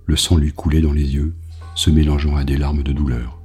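A man reading a novel aloud as an audiobook narrator, in a grave, measured way. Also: a bass voice, flat delivery, dark tone, husky, soft background music.

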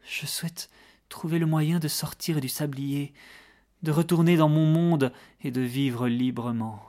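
A man voicing Lina, a young girl in a storybook, speaking in a hushed, half-whispered plea with quiet determination. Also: on the high side, fairly even intonation, a little slow, pitched above the performer's own voice, lightly acted. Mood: hushed hopeful. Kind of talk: storybook reading.

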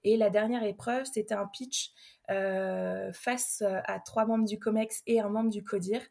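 A woman's voice: mid-range voice, steady tone, a little slow, gravelly, darkish tone. A young adult woman, a recruitment specialist, answering interview questions in a casual, hesitant way with many filler sounds.

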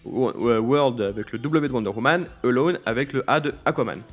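A man's voice: mid-range voice, brisk, soft background music. A man hosting a podcast in casual solo talk, hesitant, with many fillers and restarts. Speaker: podcast host.

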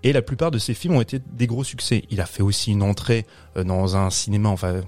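A man's voice: lowish voice, quick pace, a little mellow, soft background music. A man co-hosting a film podcast, talking enthusiastically about a director and correcting himself as he goes. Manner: enthusiastic, talkative, self-correcting. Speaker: podcast co-host. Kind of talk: casual film discussion.

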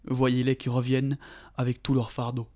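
A man voicing a cheerful old forest spirit who talks in a brisk, lively way. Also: medium pitch, lightly acted.

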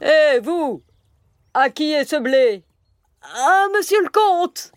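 A man playing a grand old king in an audio storybook, calling out slowly and stately. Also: big pitch swings, dry recording, exaggerated voice. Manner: slow, stately, booming calls. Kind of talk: storybook character acting.

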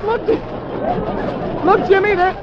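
An actor playing an eager, naive, scheming boat owner who stammers and repeats himself in an old-time radio comedy. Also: male voice, very high voice, steady tone, a little slow, a crowd in the background. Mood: excited, eager. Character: excitable, naive boat-owner sidekick, silver-tongued schemer. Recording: dull, very noisy vintage radio recording.

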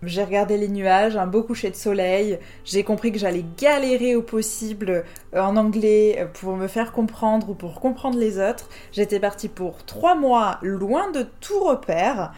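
A woman's voice: medium pitch, a little slow, few pauses, a little mellow, soft background music. A woman from France, host of a podcast, telling a personal travel story in a reflective, hesitant way with frequent fillers.

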